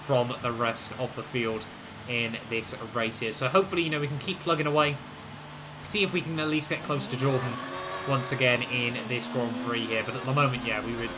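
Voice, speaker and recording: A man's voice: mid-range voice, very noisy. A man giving conversational, rambling commentary on a racing video game he played. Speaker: gaming video host, league racer.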